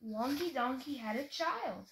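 A woman reads a picture book to children a little slowly, her high voice full of lively intonation as she plays up the rhymes in a sing-song way. The home video was made indoors in a bedroom, and background noise is clearly audible.

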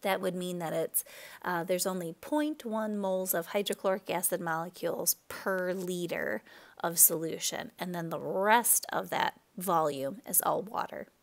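A woman chemistry teacher giving a relaxed recorded lecture, explaining with fillers and self-corrections. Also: lowish voice, normal speed, creaky.

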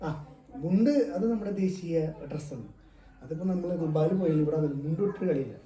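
A man's voice: on the high side, brisk, warm tone. A man from Kerala vlogging casually on a family trip, upbeat as he shows the resort to his viewers. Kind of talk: casual vlog commentary. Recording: echoey with music behind.

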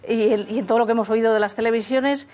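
A woman's voice: a little high, fairly even intonation, fast, a little mellow. A woman in her fifties, a spokeswoman answering emphatically in a studio interview. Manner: emphatic, repeats key phrases. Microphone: lapel.

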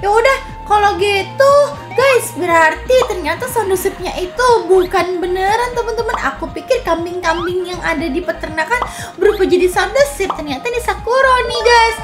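Excitable, very high-pitched woman host. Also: normal speed. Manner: excitable, chatty, addresses viewers. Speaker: gaming channel host. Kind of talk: casual game commentary. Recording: game video with background music.

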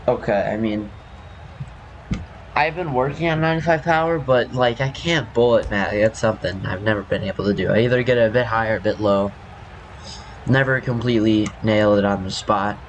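A man's voice: on the low side, moderate pace. Young man with a scratchy morning voice. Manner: rambling, self-correcting, apologetic. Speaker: gaming youtuber. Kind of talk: casual gameplay commentary.

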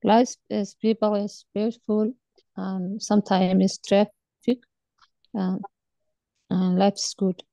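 Flat-voiced woman candidate, mellow and dull. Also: medium pitch, creaky, dry recording. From Somalia. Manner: simple halting sentences. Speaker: test candidate. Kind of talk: mock exam answers.

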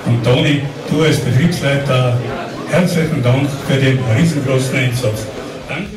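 A man's voice: medium pitch, moderate pace. A man giving a cheerful, grateful thank-you speech at an award event. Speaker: cable car company head. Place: crowded indoor event hall. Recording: echoey, distant, crowd around. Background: crowd chatter.

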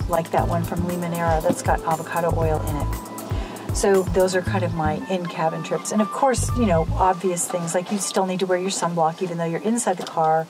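A woman in her fifties hosts a casual snack review from a parked car, filmed by a camera mounted inside. Her lowish voice is a little fast with fairly even intonation, heard over music. She is chatty and enthusiastic, exclaiming over the items.

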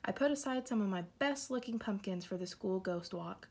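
A cheerful, obliging farmer bear from the countryside, put on by a woman reading aloud. His voice lifts a little brighter and higher than the narration, still with a creaky texture. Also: animated, moderate pace. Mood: friendly.

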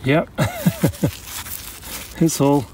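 A man's voice: on the high side, fairly even intonation, drawn-out words, darkish tone, a little hiss or hum. A Scottish man talking casually to camera while digging for old bottles outdoors, chatty and enthusiastic, thinking aloud. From Scotland. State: out of breath at times. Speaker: bottle digger and vlogger. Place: outdoor dig site.

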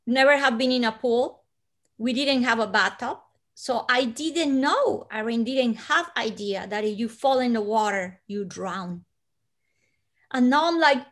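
A woman from Colombia, in her forties and carrying a Colombian Spanish accent, is interviewed by video call in her living room and tells a story about herself. Her voice sits on the high side; the pace is slow and quiet, marked by breathy falls and sudden climbs.

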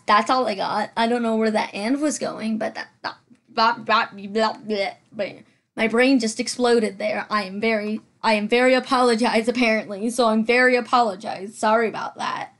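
A woman's voice: on the high side, fairly bright tone. Chatty young-sounding woman rambling. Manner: chatty, self-deprecating, many fillers. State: out of breath. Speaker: Sims building channel host. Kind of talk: rambling casual voice-over. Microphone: farther from the mic than usual.

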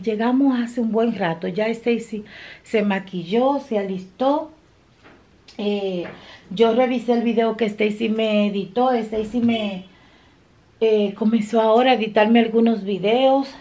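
A woman's voice: a little high, dark tone. A woman vlogger chatting casually to her viewers from inside a car, laughing often, recorded on a phone. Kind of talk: casual chat to camera. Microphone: phone camera.

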